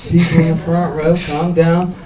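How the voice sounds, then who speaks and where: A stand-up comedian from Louisiana, rambling with lots of fillers on a club stage. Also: male voice, fairly high pitch, little pitch movement, moderate pace, mellow. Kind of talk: stand-up routine. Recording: echoey club, mic from far off.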